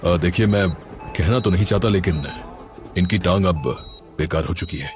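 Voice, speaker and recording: A man voicing a doctor in an animated story, who speaks in a grave and hesitant way. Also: deep voice, moderate pace, faint music behind, pitched below the performer's own voice, natural voice. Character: solemn male hospital doctor.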